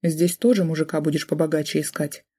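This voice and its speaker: A woman's voice: low voice, steady tone, brisk, warm tone, breathy edge. Woman reading a scornful cold mother. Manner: sarcastic and contemptuous.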